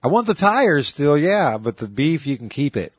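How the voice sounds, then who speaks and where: A man's voice: a little high, big pitch swings, moderate pace, slightly rough, dry recording, clean studio sound. A man hosting a podcast, chatting casually in a loose, rambling way with some swearing. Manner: loose, profane, rambling banter. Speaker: podcast host. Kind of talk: casual chat.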